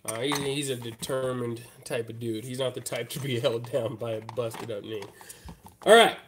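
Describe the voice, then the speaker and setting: Over a noisy background, a man with a steady, mid-range voice speaks at a moderate pace, sounding stuffed up from a head cold. He's at a hobby workbench, casually and chattily addressing his live-stream audience directly as he works.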